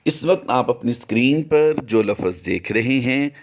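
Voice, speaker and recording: A man teaching Quran reading in a recorded tajweed lesson, explaining patiently and chanting each sample word long and high. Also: lively intonation, unhurried, slight background noise.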